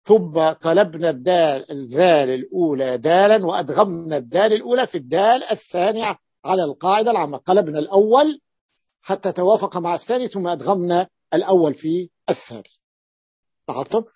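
A male teacher with a husky, slightly raised voice walks his students through a text. He repeats each example slowly and draws the words out. The recording is dull and bone-dry. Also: high voice, animated, no echo. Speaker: teacher of Arabic morphology. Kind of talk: classroom explanation of a text.

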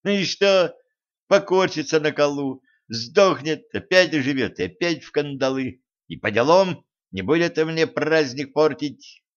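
A man's voice: a little high, lively intonation, unhurried, highs cut off, pitched above the performer's own voice. Man doing a brash, haughty young tsarevna. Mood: boastful. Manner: brash, mocking, loud folksy talk. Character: haughty spoiled young tsarevna, boastful and cruel.

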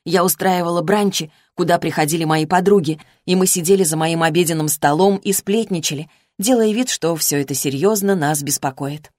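A woman reading a novel as a first-person audiobook narrator, in a steady, measured way on a close studio mic. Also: fairly low pitch, dry recording.

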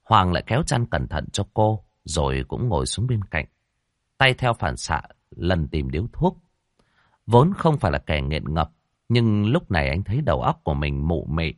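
A man narrating a horror story in an expressive, dramatic way, voicing the characters. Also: low-pitched, no echo, studio quality.

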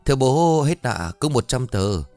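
A man's voice: mid-range voice, big pitch swings, a little slow, darkish tone, no room sound, faint music behind, voice pushed up. A man voicing a frightened young orphan boy who stammers and pleads. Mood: pleading.

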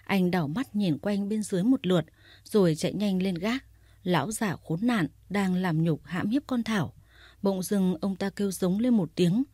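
Low, husky woman narrating a story. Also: warm tone, dry recording, clean studio sound.

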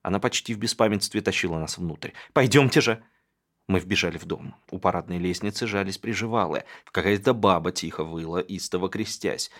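A man narrating an audiobook in a dramatic, expressive way. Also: low voice, fairly quick, hardly any pauses.

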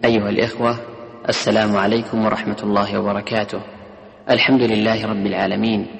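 A male announcer delivers a scripted introduction in formal standard Arabic. His voice is fairly low and he moves along briskly, with a long reverb trailing the words. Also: vocal fry. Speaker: announcer introducing a recorded lecture series.

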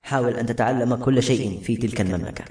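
A man reading a novel aloud, voicing a spirited, curious young woman warrior with a lifted, animated delivery. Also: medium pitch, fast talker, reverberant, close to an everyday voice. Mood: admiring.

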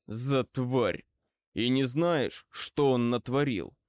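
A man's voice: mid-range voice, expressive, slow pace, a little mellow, no room sound, studio quality. A man reading an audiobook, voicing a stern, furious old male wizard who growls harsh commands. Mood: angry gruff.

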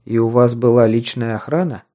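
A man's voice: mid-range voice, fairly even intonation, brisk, mellow, natural voice. A man reading an audiobook, voicing a wry, teasing young male hero in close to his own voice.

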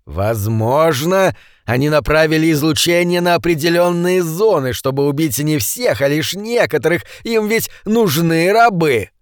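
A riled-up male conspiracy believer in a storybook reading, put on by a man narrating. He talks with insistent heat in a fairly high voice, recorded close and dry. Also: lively intonation, unhurried, no room sound. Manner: heated, insistent.

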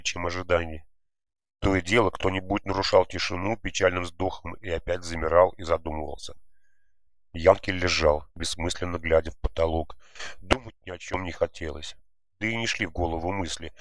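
A man narrating an audiobook in a measured, expressive way. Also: deep voice, no echo, studio quality. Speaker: audiobook reader.

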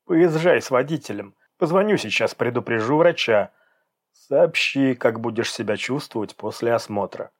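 A man's voice: medium pitch, animated, moderate pace, natural voice. A man playing a curt, domineering rich man. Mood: curt commanding. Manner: curt, commanding. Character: harsh, domineering wealthy man. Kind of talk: audiobook character voice.

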